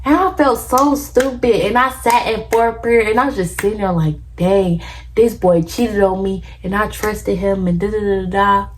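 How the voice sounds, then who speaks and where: A woman's voice: mid-range voice, moderate pace, a little hiss or hum. A young woman vlogger telling a casual storytime, acting out quotes and trailing off with filler sounds. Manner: animated, acts out quotes, many "da da da" fillers.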